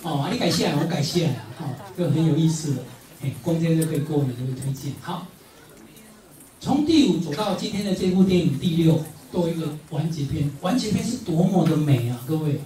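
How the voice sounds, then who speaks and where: Animated man with a Taiwanese accent. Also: a little high, fairly quick. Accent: Taiwanese Mandarin. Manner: animated storyteller, often laughing, emphatic repetition. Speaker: motivational speaker. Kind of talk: motivational speech. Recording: echoey hall, distant mic, faint noise.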